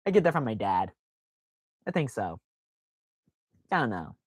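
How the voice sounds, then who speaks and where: A man's voice: lowish voice, big pitch swings, takes it slowly, slightly rough, dry recording. A man hosting a casual live stream, talking in a rambling, self-deprecating way with lots of fillers.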